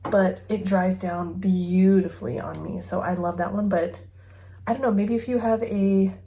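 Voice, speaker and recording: Mom in her 30s doing a casual perfume review vlog at home, soft mellow voice, giggly, talks as she thinks. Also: mid-range voice, steady tone, normal speed, a little hiss or hum. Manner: chatty, thinking aloud, giggly. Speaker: fragrance reviewer. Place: home bedroom with dresser.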